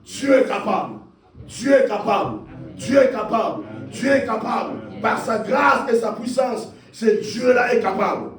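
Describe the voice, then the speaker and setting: A male pastor preaching a fervent, repetitive sermon that rises into shouts. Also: extremely high pitch, lively intonation, a little slow. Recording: echoey hall, distant mic.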